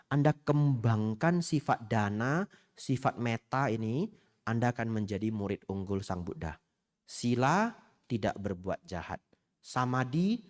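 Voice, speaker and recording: A middle-aged Buddhist monk, his mid-range voice somewhat dark in tone, gives a lighthearted Dhamma sermon before a congregation in a temple hall. Along the way he mixes in Hokkien and asks his listeners questions.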